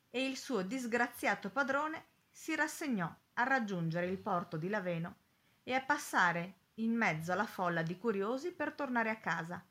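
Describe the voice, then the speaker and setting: A woman reads a storybook aloud with expressive, lively delivery. Her voice is bright and ringing, and her pitch rises and falls animatedly. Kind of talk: storybook narration.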